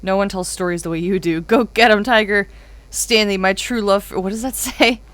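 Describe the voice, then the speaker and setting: A woman's voice: medium pitch, steady tone, normal speed, a bit bright. A woman streaming a game, giggling and reading on-screen text aloud with playful asides in casual commentary.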